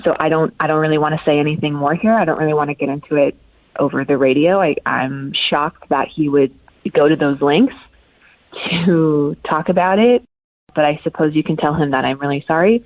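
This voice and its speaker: A woman's voice: sits low, no room sound. A woman heard over a phone line on speakerphone, speaking in a hesitant, guarded way as she takes a call from a radio show.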